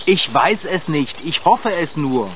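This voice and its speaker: A man's voice: fairly high pitch, big pitch swings, a little slow, fairly bright tone, slight background noise. A man playing an easygoing, bewildered bike mechanic in a radio play. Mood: soothing.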